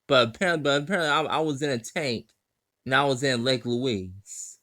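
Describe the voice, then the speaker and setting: A man's voice: mid-range voice, a little fast, sharp tone, dry recording. A man who cites chapter and verse, reads passages aloud and comments on them in an insistent way. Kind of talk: scripture quoting and commentary.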